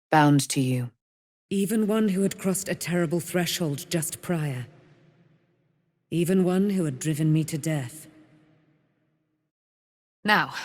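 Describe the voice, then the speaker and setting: In a fantasy video game, a woman voices an anguished immortal paladin, the proud warrior daughter of a moon goddess, delivering lines in grand, archaic, theatrical declamation. The sound is clean studio audio with no room sound, and her pitch is fairly low.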